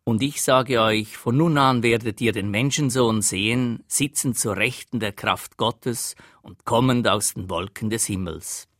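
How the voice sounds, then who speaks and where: A man voicing a grave teacher who speaks slowly and quietly. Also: fairly low pitch, dry recording, studio quality. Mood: solemn.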